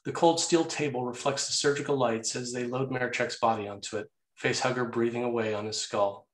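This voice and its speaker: Reading the stage directions and scene headings as narrator for a table read, a man speaks briskly in a mid-range, fairly even voice. The recording sounds roomy, with echo.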